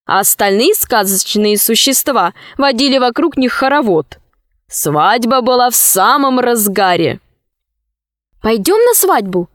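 A woman reading a children's fairy tale aloud in a slow, expressive way. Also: on the high side, dry recording, studio quality. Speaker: narrator.

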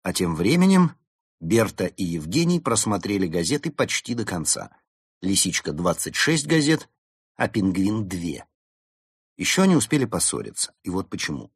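Man narrating a storybook, lively pitch, husky dry tone. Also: moderate pace, no room sound. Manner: expressive, animated. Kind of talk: storybook reading.

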